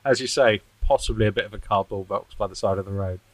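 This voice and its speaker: A podcast co-host with a lowish voice talks fast in casual political chat, rambling, self-deprecating and chuckling often. The recording is dry and low in quality.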